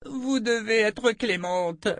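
A sniveling, fawning male killer in a storybook reading, voice pushed a bit higher than the reader's own, as a man reading aloud puts him on. He wheedles and grovels, zealous about his master. The sound is dry and close. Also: takes it slowly, fairly bright tone, dry recording, heavily acted. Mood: begging.

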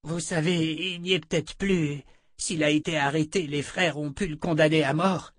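A man's voice: on the high side, fairly even intonation, moderate pace, dry recording, clean studio sound, voice pushed up, lightly acted. A man reading an audiobook, voicing a cowardly, fawning male killer who grovels before his captors. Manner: wheedling, zealous.

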